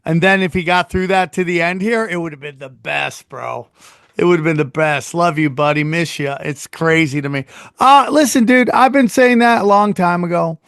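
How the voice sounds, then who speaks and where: A man's voice: fairly high pitch, moderate pace, creaky, fairly bright tone, clear, resonant tone, dry recording, clean studio sound. A man hosting a casual podcast, talking in a loose, rambling way and plugging his live shows. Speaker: podcast host.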